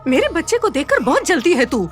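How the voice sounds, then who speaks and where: A woman playing a cruel stepmother in a family drama, talking in a harsh, shrill way. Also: sing-song, quick pace, faint music behind. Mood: angry. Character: cruel, scolding stepmother of a young girl. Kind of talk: Hindi family drama acting.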